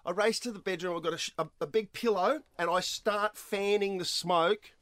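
An Australian man telling a rambling, self-deprecating story in an animated, casual chat on air. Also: high-pitched, normal speed, no room sound.

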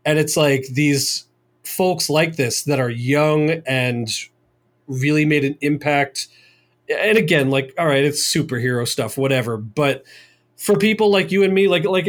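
A man co-hosting a podcast, telling a long story in a rambling, casual way with many fillers. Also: fairly high pitch. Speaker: podcast co-host. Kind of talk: casual chat.

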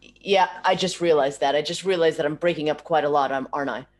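A woman's voice: sits low, fast talker. A woman interviewing a guest over a video call whose sound keeps breaking up. She thinks aloud, restarts her sentences and ends many of them with tag questions. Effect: video call audio that breaks up. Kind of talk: remote interview. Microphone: computer or laptop mic on a video call.

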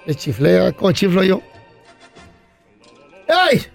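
A man's voice: sits high, fairly quick, creaky, loud music behind the voice. A man with a Mexican Spanish accent, a radio comedy host who teases and jokes in casual banter. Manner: playful, teasing, tells jokes about himself. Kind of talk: joking banter on a radio show.

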